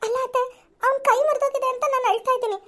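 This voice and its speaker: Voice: very high voice, fairly even intonation, rapid-fire, bright, forceful tone. A performer voicing a weepy, possessive young woman in a home-made cartoon. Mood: weepy complaining. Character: fretful young woman, Bharat's bride-to-be.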